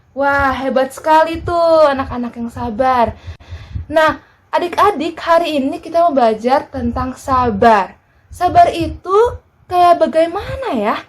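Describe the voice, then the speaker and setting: A woman teaching a children's church lesson, asking the kids questions in a lively, simple way. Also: fairly high pitch, slight background noise.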